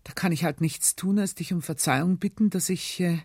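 A woman's voice: fairly low pitch, a little fast, darkish tone, slightly rough, no echo, studio quality. A woman reading aloud as a young male officer who pleads with his uncle, hesitant and eager. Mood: pleading. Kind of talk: literary reading on radio.

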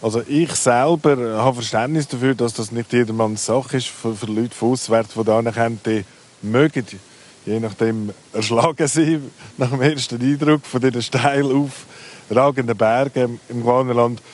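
A man from Glarus with a local Swiss German accent, answering interview questions outdoors, hesitant and full of pauses. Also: medium pitch, steady tone, a little mellow. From Glarus, Switzerland. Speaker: local guide. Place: outdoors in a town.

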